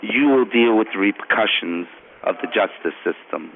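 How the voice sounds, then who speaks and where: A man's voice: on the low side, lively intonation, normal speed, gravelly, a little hiss or hum. A man making a prank phone call, talking in a smug, condescending, boastful way. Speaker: prank caller. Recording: tinny phone line.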